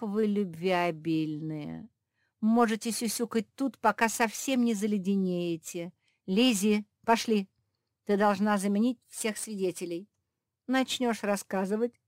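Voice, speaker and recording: Antuan, a woman doing a loud, mocking villain cat. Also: medium pitch, measured pace, no room sound, studio quality, natural voice. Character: scheming sly male cat villain, mocking.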